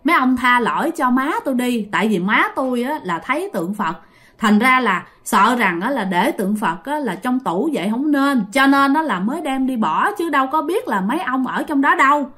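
A woman's voice: high-pitched, lively intonation, normal speed, fairly bright tone. A woman voicing a frightened mother begging spirits for mercy, in a Southern Vietnamese accent. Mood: pleading. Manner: pleading, anxious.

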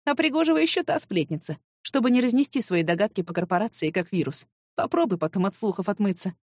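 A woman narrating a first-person audiobook in a lively, sassy, mock-indignant manner. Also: mid-range voice, fast, no echo, clean studio sound.

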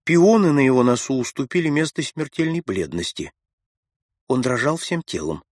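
A man narrating classic prose for an audiobook in a measured, steady storytelling manner on a close mic. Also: mid-range voice, no room sound.

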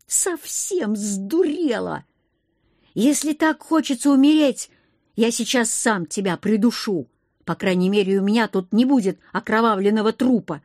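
A woman reading an audiobook, voicing a furious, gruff young male commander who scolds and shouts. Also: medium pitch, animated, unhurried, no echo, clean studio sound.

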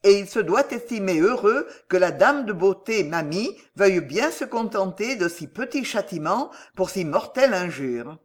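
A furious old king who barks his orders in a loud, harsh voice. An audiobook narrator puts him on with a wide, swinging pitch and plenty of force. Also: very animated, normal speed, few pauses. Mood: stern. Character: stern angry medieval king, older man.

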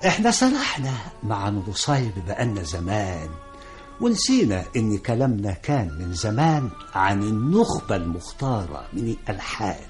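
An old-time Egyptian Arabic storyteller in a radio-play style, genial and theatrical. His lowish voice swings expressively through rhymed colloquial phrases, with faint music behind it. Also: huge pitch swings, brisk. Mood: measured, genial. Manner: theatrical, rhyming cadence. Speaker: narrator.

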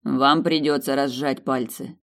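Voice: medium pitch, fairly even intonation, unhurried, a bit bright. A reader voicing a stern vampire man who gives firm orders and curses under pressure. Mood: strained command.

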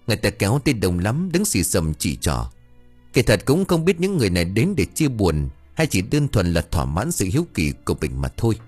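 A man narrating an audiobook story in a husky voice with lively storytelling intonation. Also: on the low side, no room sound.

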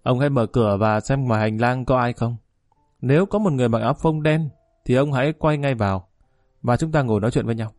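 A man's voice: medium pitch, fast, darkish tone, dry recording, clean studio sound, soft background music, close to an everyday voice. A man voicing a shrewd, bullying middle-aged male security chief who talks bluntly and gives orders. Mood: scheming.

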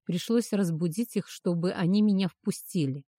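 A woman narrating a first-person story as an audiobook in an even storytelling manner. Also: on the low side, moderate pace, no echo, clean studio sound.

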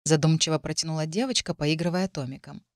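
A woman reading her own book aloud, telling the story in a steady, measured way. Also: low voice, no echo, studio quality. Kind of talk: audiobook narration.

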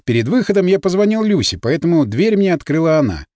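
Expressive male audiobook narrator. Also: fairly high pitch, fast talker, no echo. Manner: expressive, storytelling.

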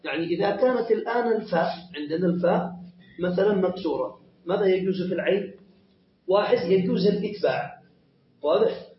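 A high-pitched man teaching a grammar class, patiently repeating each point and answering his own questions. The recording is muffled and lo-fi, with plenty of room echo. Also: animated, quick pace, a little hiss or hum. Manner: asks questions and answers them himself. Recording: echoey muffled lo-fi lesson recording.

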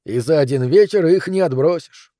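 A man voicing a gruff, wry police captain near retirement, speaking in a raised, louder voice with joking banter. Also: fairly high pitch, lively intonation, moderate pace, no echo, studio quality, voice pushed up, close to an everyday voice.

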